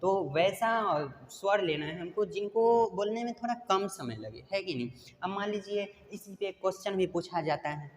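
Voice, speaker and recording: A man's voice: sits high, animated, normal speed, few pauses. Man, teacher, repetitive, echoey hall, faint background noise. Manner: repetitive, drills points with tag questions. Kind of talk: online grammar lesson.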